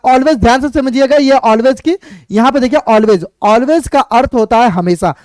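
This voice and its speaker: A teacher explaining English grammar in Hindi, going step by step, asking questions and answering them, and slowing down to spell out each example sentence. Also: mid-range voice, darkish tone, no echo.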